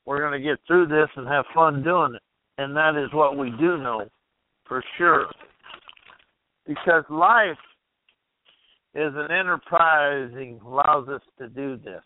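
A man's voice: on the high side, a little slow, pauses often. A man hosting a motivational call-in radio show, rambling and asking the listener questions while losing his voice. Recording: tinny phone-like radio line.

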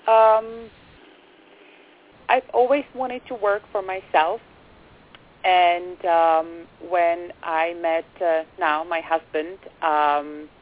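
A young woman from the Czech Republic with a Czech accent, a quiet, soft-spoken guest on a radio interview who hesitates often with fillers. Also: on the low side, steady tone, drawn-out words. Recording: phone-like band, faint hiss.

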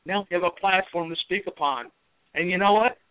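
A man's voice: high-pitched, a little fast, dry recording. Fired-up man ranting over a phone line. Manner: profane, fired-up, repetitive. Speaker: call-in guest. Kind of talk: heated political rant.

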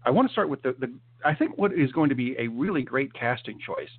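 A man's voice: mid-range voice, expressive, a little fast, a little hiss or hum. A man co-hosting a casual chat show, talking with many fillers and restarts. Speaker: podcast co-host. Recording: tinny phone-like sound.

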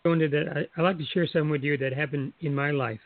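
A man calling in to share a personal testimony, reflective, chuckling now and then as he recalls, his voice going hoarse. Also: on the high side, steady tone, fast, no room sound. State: losing his voice. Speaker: caller. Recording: dry tinny phone line.

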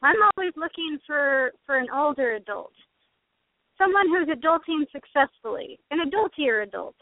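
A woman's voice: high voice, expressive, normal speed. A woman in her thirties, co-hosting a casual chat, talking in a rambling way with restarts. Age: 30s. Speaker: podcast co-host. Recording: tinny phone-like line.

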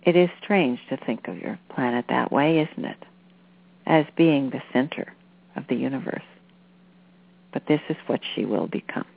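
Woman spiritual channeler, low register, soothing and deliberate, heard through a narrow phone-like recording. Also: expressive, vocal fry. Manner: unhurried, deliberate, with halting phrases. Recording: phone-like narrow-band sound.

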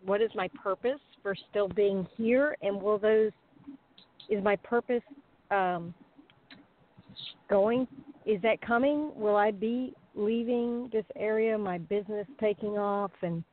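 A woman phones in with a medium-pitched voice, heard through a narrow, muffled line. She talks conversationally and earnestly, feeling her way through her words as she goes. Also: slow. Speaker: caller to a call-in show. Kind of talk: personal question to a spiritual adviser, conversational. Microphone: phone call.

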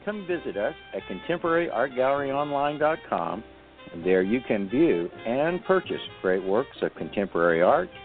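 A man's voice: mid-range voice, very animated, normal speed. A man hosting an interview show, reading a scripted introduction and then talking casually with his guest. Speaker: host. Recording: phone-like sound with faint music.

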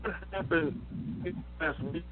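Man, slightly high voice, hesitant caller on a breaking-up, tinny phone line. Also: over a noisy crowd. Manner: halting, many fillers and repeated words. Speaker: call-in panelist. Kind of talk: conference call discussion.

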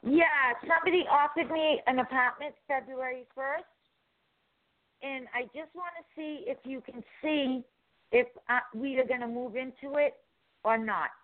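A woman caller on a muffled, distant phone line, talking quietly and hesitantly. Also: high-pitched, normal speed. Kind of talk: call-in chat.

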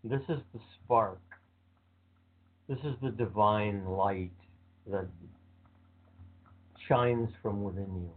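Calm man guiding a meditation, tinny sound. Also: on the low side. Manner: slow, calm, soothing instructions. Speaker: meditation guide. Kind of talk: guided visualization meditation.

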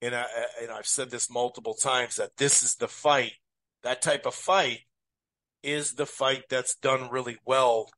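A man's voice: mid-range voice, steady tone, a little slow, a bit bright, dry recording. A man hosting a boxing podcast, chatting casually about fights and betting odds, rambling and correcting himself with many fillers.

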